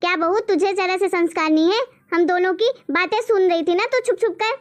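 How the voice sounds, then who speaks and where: A woman's voice: very high voice, a little fast. A woman playing a boastful, nagging middle-aged aunt-in-law who lectures her sister-in-law, in a homemade family drama. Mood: scornful. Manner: bossy, lecturing.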